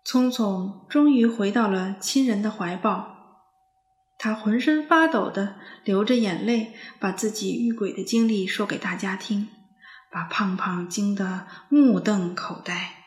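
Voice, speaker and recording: A woman telling a children's story in a slow, expressive reading voice. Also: medium pitch, reverberant.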